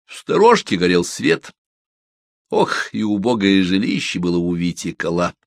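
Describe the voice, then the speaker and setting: A man narrates a crime novel with a low, even voice. The sound is dry and close, with no room around it. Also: normal speed, creaky, dry recording. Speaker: audiobook narrator. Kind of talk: scripted narration.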